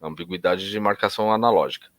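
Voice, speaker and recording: A low-pitched man teaching in an easy, conversational style. He often restarts his sentences and shifts his tone to act out examples. The sound is dry and close, with almost no room behind him. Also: fast talker, a bit bright, dry recording. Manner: explains with hesitant restarts, demonstrates intonation shifts. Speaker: NLP instructor.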